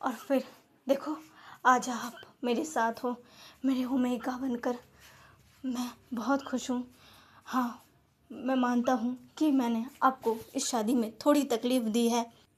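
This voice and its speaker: A woman's voice: a little high, little pitch movement, slow, long pauses, slightly rough, voice pushed down. A woman voicing an obsessive, possessive young man who pleads and stammers in repeated words. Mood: soft, confessing.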